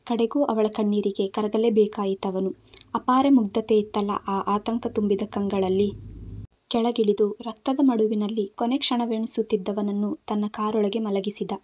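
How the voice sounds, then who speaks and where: A woman reads a romantic story aloud in a steady, expressive storytelling voice. Her tone is mellow and soft rather than bright. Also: mid-range voice, moderate pace. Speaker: audio story narrator. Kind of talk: scripted narration.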